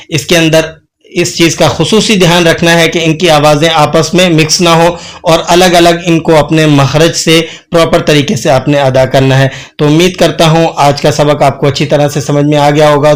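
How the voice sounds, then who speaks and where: High-voiced man teaching tajweed. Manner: patient, repeats drawn-out Arabic letter sounds as examples. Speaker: Quran recitation teacher. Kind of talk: tajweed pronunciation lesson.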